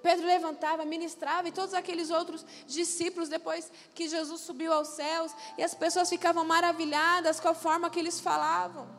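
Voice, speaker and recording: High-voiced woman preaching in a hall. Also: little pitch movement, a little fast, few pauses, fairly bright tone, soft background music. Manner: emphatic preaching, calling out to the congregation for responses. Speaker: pastor. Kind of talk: sermon.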